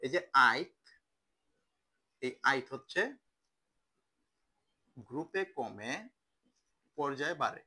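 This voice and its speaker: Speaking slowly with frequent pauses, a young man teaches chemistry in a casual, conversational way, answering the questions he asks. His mid-range voice is expressive, with a sharp tone.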